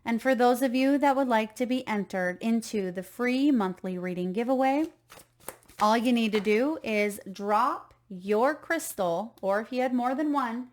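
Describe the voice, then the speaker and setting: A woman giving a tarot reading in a slow, soothing, gently encouraging way, then leading a short guided meditation. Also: a little high. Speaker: tarot reader.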